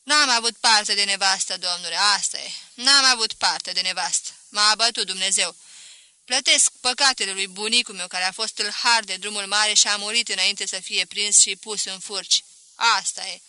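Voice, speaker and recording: A woman reading aloud voices a middle-aged male shopkeeper who complains loudly and repeats himself in self-pity. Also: mid-range voice, expressive, dry recording. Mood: complaining.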